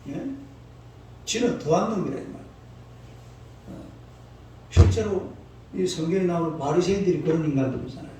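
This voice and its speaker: A man's voice: on the high side, animated, moderate pace, long pauses. An older man in his sixties, a pastor preaching a dawn sermon in a folksy, scolding way, prompting the congregation to answer back. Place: church sanctuary. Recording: echoey church hall, mic far off, faint noise.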